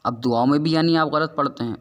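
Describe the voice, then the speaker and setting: A man narrating a rebuttal video in a formal, admonishing tone, addressing another speaker directly. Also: a little high. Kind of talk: scripted commentary and rebuttal.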